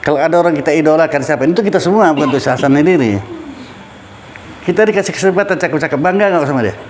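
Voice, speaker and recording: A man's voice: on the high side, animated, rapid-fire, slight background noise. A middle-aged man, a religious teacher, giving a casual study talk and asking his listeners questions. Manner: conversational, asks listeners questions.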